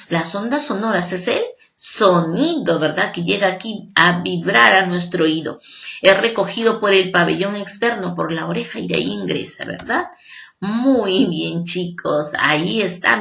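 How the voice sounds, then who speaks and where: A woman teacher giving a lesson to children, expressive and checking often with her class. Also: mid-range voice, gravelly. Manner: expressive, keeps asking the class to confirm.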